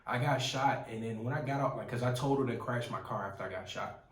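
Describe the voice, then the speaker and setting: A man's voice: medium pitch, fast talker. A man in his twenties giving an earnest, rambling personal testimony with frequent restarts. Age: 20s. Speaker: testimony speaker. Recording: roomy, from some distance.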